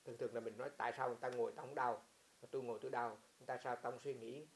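A man's voice: medium pitch, very fast, creaky, slight background noise. A monk with a Huế accent giving an informal meditation talk, telling stories and asking his listeners rhetorical questions. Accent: Huế Vietnamese. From Huế, central Vietnam. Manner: animated storytelling, frequent rhetorical questions. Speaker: Buddhist monk teaching meditation. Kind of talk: informal dharma talk answering a student.

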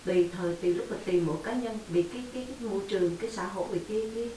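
Very fast-talking woman heard from afar. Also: medium pitch, dark tone. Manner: rapid, listing ideas. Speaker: audience member. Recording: distant in an echoey room with faint hiss.

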